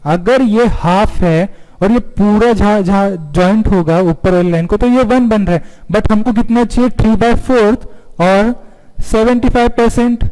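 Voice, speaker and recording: A man's voice: sits high, warm tone. A man teaching stenography in an online lesson. He asks the class questions, answers them himself, and draws out single letters. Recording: long hall reverb.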